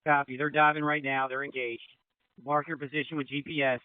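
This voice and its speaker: A man acting as incident commander, giving brisk, directive orders over a marine radio channel. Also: a little high, little pitch movement, clear, resonant tone, dry recording, phone-quality sound. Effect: marine radio transmission. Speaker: river branch incident commander. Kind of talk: emergency radio dispatch.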